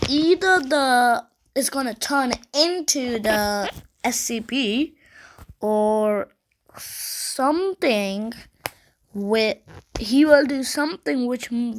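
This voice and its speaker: Slow-talking woman reacting casually. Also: a little high, fairly bright tone, a little hiss or hum. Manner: chatty, halting, full of fillers. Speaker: reaction video host.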